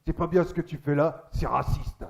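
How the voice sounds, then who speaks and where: Brief: officious, self-righteous activist, slightly raised pitch, as a comedian puts him on. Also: male voice, steady tone, moderate pace, vocal fry. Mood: prim. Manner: prim and officious, turning to shouting. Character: self-righteous male activist, prim then raging.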